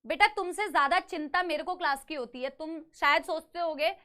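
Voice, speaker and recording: A woman's voice: very high-pitched, a little fast, pushed and bright. A young woman teaching a live online biology class with a sore throat, mixing English terms into Hindi, often checking with "theek hai?" and calling students "beta".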